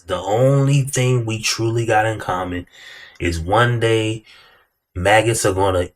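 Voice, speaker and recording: A man hosts a reaction video in a fairly low voice. He talks casually and bluntly, full of slang, and drives his points home by repeating phrases. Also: a bit bright. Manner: blunt, repetitive emphasis.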